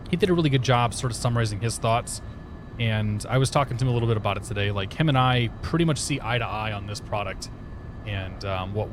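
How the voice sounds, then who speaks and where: Man, livestream headset audio, casual rambling commentary, greets chat, faint background hiss. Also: on the low side. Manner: rambling and chatty, greets chat viewers by name. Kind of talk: casual commentary while flying a flight simulator.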